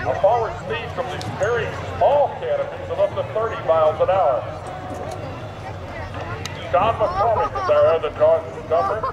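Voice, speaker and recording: Male airshow commentator, high-pitched, excited announcer delivery, echoing outdoor loudspeakers, very noisy. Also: normal speed, highs cut off. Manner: hype-man urging the crowd to cheer and explaining the flying. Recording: loud outdoor PA, echoing, crowd and engine noise.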